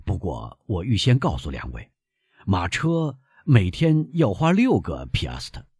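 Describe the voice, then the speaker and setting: A man reading aloud, voicing an older male innkeeper who haggles and flatters his guests. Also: low-pitched, measured pace, breathy edge, no room sound, studio quality, heavily acted. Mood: insistent.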